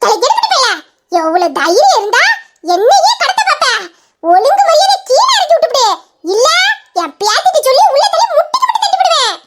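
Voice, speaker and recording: A feisty old village grandmother, cackling as she fires off sharp threats, put on by a woman. The voice sits extremely high and squeaky, with a mischievous, scolding bite. She sounds like a comic storybook granny. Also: very animated, brisk, very noisy. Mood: mock outrage.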